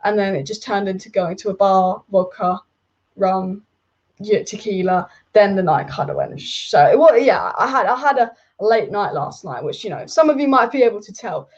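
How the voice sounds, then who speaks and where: A woman's voice: medium pitch, animated, normal speed, darkish tone, lo-fi sound. A young woman hosting a casual football livestream, tired and hungover on little sleep, rambling candidly in slangy talk. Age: young adult. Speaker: football YouTube host. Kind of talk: casual livestream chat about football news.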